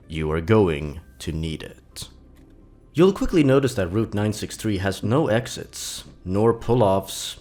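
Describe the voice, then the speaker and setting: With a lowish, slightly mellow voice, a man narrates horror stories as host. His storytelling is scripted, deliberate and dramatic.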